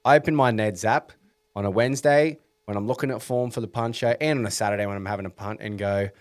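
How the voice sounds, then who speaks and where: A man's voice: lowish voice, fast talker, no room sound, studio quality. An Australian man co-hosting a podcast, talking sport casually in a blokey, slangy and sweary way. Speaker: podcast co-host.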